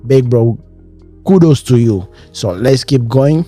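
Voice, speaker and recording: A man's voice: medium pitch, expressive, slow, dark tone, soft background music. A man hosting a podcast, reacting to an interview in an emphatic, repetitive, casual way. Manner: emphatic, repetitive, keeps saying bro. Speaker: podcast host.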